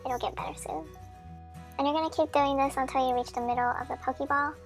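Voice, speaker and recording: A woman's voice: high voice, fairly even intonation, fast talker, soft background music. A woman's voice sped up into a chipmunk voice, giving a chatty, friendly craft how-to voice-over with small slips. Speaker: craft tutorial maker.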